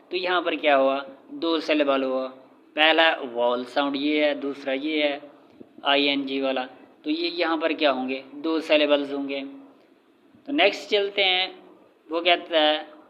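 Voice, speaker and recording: A male teacher giving a lecture. He repeats each point patiently, asks himself questions and reads definitions out slowly, word by word. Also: on the high side, a bit bright, highs cut off. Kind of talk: classroom lecture.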